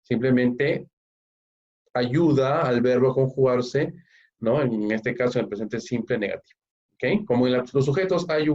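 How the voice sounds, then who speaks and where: A man's voice: medium pitch, warm tone. A man whose first language is Spanish, teaching an online English grammar lesson, explaining patiently and often checking in with "ok?". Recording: dull lo-fi audio.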